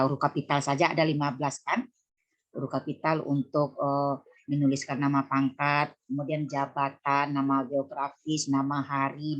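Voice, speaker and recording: Low-voiced woman lecturer correcting students. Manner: corrective, spells out letters one by one, repeats key rules. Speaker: university lecturer. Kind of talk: class lecture on punctuation.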